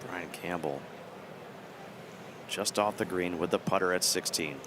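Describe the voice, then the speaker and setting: Low-pitched male golf broadcast host. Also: measured pace, noisy background. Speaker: golf commentator, coverage host. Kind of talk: live golf broadcast commentary.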